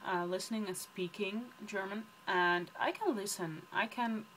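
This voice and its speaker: A book vlogger, young and Dutch with a matching accent, talks through tag questions in a loose, rambling way peppered with ums. Her voice is mid-range, a bit bright and moderately paced, captured in a rough recording with slight background noise.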